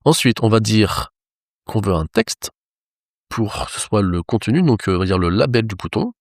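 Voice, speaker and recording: Male trainer, low voice, dry close sound, talks viewers through each step. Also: sing-song, normal speed, no room sound. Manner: explains step by step, addressing viewers directly. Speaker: web development trainer. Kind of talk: screen-recorded coding tutorial.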